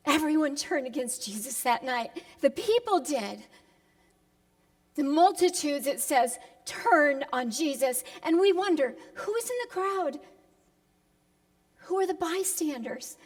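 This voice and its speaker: In a hall with long, echoing reverb, a woman delivers a reflective sermon that is solemn and dramatic. She speaks deliberately, pausing for emphasis and moving from hushed tones to impassioned ones, her high voice lively in intonation.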